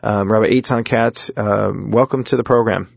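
American guy hosting radio, kinda monotone, stumbles and repeats words, muffled roomy audio. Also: lowish voice, moderate pace, gravelly. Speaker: radio show host. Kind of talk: informal radio hosting with storytelling. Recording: muffled lo-fi internet phone audio, roomy echo.

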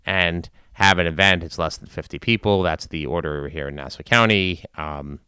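A man giving informal news and community commentary in a measured, deliberate way with long pauses. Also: sits low, sharp tone, smooth, no echo. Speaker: commentator addressing his community.

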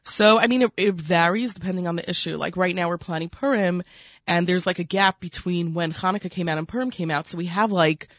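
A woman's voice: on the low side, a little fast, dry recording, highs cut off. Chatty woman with a strong Brooklyn accent. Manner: chatty, frequent "like" and "you know". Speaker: food magazine editor, interview guest. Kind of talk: casual conversational interview.

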